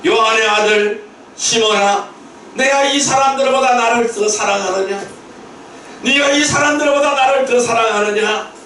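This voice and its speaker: A man pastor quoting a gentle, forgiving Lord calling a failed disciple, in a tender, slow, inviting voice, recorded in a church sanctuary. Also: extremely high pitch, slight background noise, exaggerated voice. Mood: earnest questioning. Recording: very echoey hall, mic at a distance.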